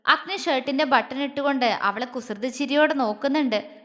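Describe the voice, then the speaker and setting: A woman storyteller reading a romantic audio story in smooth, even narration. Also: sits high, a little fast, in a large hall. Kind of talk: scripted narration.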